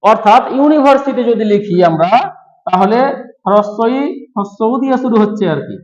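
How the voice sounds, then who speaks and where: A man from West Bengal, an English grammar teacher explaining rules to students slowly, step by step, repeating each point. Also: high-pitched, animated. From West Bengal, India. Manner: slow, repetitive step-by-step explaining. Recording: echoey, dull room sound.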